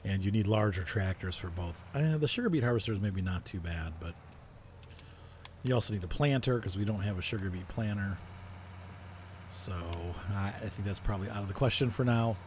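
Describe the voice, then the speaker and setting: A man's voice: lowish voice, a little fast, a little mellow, slight background noise. A man casually talking through a farming simulator playthrough, thinking aloud with frequent fillers. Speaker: gaming video host. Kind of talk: casual farming-sim commentary.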